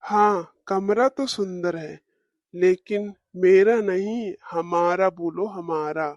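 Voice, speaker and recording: A woman voicing a gentle, coaxing father of two in a cartoon. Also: mid-range voice, slow pace, no room sound, dull audio. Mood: calm. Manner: soothing, coaxing.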